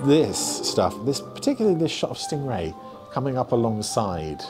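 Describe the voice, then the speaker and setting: A man in his thirties hosts a casual commentary in a wry, musing way. His medium voice moves about expressively, with soundtrack music clearly behind him. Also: medium pitch, sing-song, normal speed. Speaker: podcast host. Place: small furnished room, indoors. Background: episode soundtrack music.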